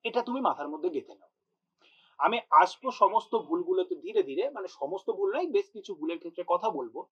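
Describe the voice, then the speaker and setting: Patient high-voiced male teacher. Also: animated, quick pace, sharp tone, husky, lo-fi sound. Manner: patient, repeats points to drive them home; addresses students directly, demonstrates pronunciation. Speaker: Bengali grammar teacher. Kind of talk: spoken exam-prep lesson.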